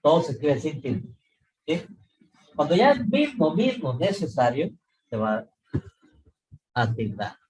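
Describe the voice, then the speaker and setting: A middle-aged man teaching a class over a video call, explaining slowly, repeating points and checking often that students follow. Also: on the high side, sing-song, darkish tone, slightly rough, low-quality recording. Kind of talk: online class lecture.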